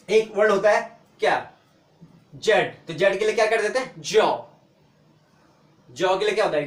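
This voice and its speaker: A man teaching the alphabet, spelling out each letter slowly and answering his own questions as he explains. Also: high-pitched, reverberant. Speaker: language teacher. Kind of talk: explaining lesson.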